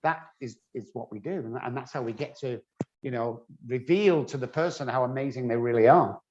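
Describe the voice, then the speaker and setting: A man's voice: mid-range voice, fairly quick, background noise. Guy telling recovery stories with lots of voices, kinda muffled sound. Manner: animated anecdotal storyteller, acts out dialogue. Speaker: addiction recovery specialist. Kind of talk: storytelling interview answer.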